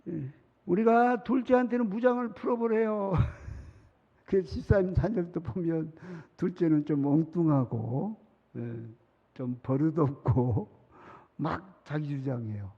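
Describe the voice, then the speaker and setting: Man, middle-aged, pastor, conversational sermon, gravelly, long church reverb. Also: a little high, a little slow. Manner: conversational, laughing, acts out children's pleas. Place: large church sanctuary. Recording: reverberant hall, muffled sound.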